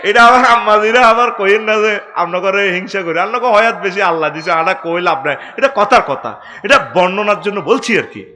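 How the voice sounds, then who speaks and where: High bright-voiced comic preacher man. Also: normal speed, few pauses. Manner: animated, comic storytelling with sudden shouts. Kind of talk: Bangla waz sermon.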